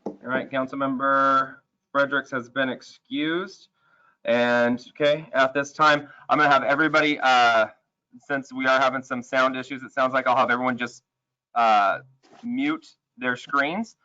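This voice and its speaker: Man, mayor chairing a meeting, video call, muffled tunnel-like sound, dull lo-fi audio, bright voice, procedural. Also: medium pitch, steady tone, measured pace. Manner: plain, procedural, calls names in turn.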